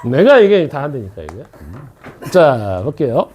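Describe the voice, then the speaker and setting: A man's voice: medium pitch, very animated, unhurried, a little mellow, slight background noise. A middle-aged man teaching math in an academy classroom, joking with students between explanations. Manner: joking, chatty asides to students. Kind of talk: casual classroom lecture.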